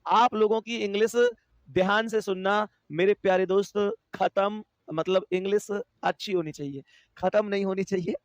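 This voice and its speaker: Man teaching with a Hindi accent, fairly high voice, repeats each step, dull lo-fi sound. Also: fairly even intonation, normal speed, no echo. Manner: explains step by step, repeats phrases, counts aloud; addresses students warmly as dear friends. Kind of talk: online exam-prep class.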